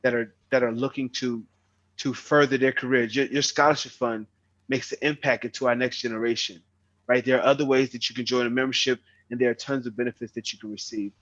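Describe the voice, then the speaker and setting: A man's voice: mid-range voice, fairly even intonation, brisk, fairly bright tone, muffled recording. Earnest young man hosting an online meeting. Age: young adult. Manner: earnest, repeats words when starting. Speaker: meeting host.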